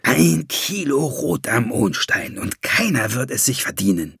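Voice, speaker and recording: A man's voice: medium pitch, very animated, unhurried, vocal fry, fairly bright tone, breathy edge, no room sound, clean studio sound, heavily acted. A man voicing a scheming, greedy male dwarf who whines and protests, in an audiobook. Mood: greedy grumbling.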